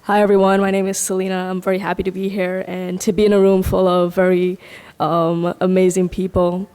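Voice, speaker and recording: A woman's voice: fairly low pitch, completely flat delivery, brisk, a little mellow, clean tone. A young woman from Guyana, a student, reading a prepared personal speech at a summit in an earnest, reflective way. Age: young adult. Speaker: student speaker. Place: lecture hall at a summit.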